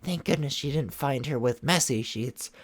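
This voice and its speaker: A man reading fan fiction aloud, voicing a wary cat-like young girl who speaks in a low, worried tone. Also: normal speed, lightly acted.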